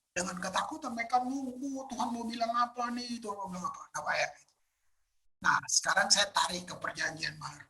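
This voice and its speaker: A woman pastor giving a casual, emphatic sermon, often sinking into a hushed whisper. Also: mid-range voice, poor audio. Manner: casual conversational preaching with fillers.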